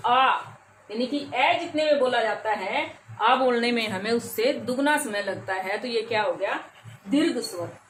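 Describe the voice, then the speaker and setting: Teacherly woman with a higher voice in an echoey room. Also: moderate pace. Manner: asks questions and answers them herself, repeats key terms. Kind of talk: classroom grammar lesson. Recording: echoey room with faint ambient noise.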